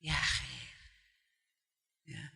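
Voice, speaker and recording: A man's voice: extremely slow, bright, forceful tone. A man preaching a sermon, asking rhetorical questions and chanting Arabic verses. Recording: echoey hall with long reverb.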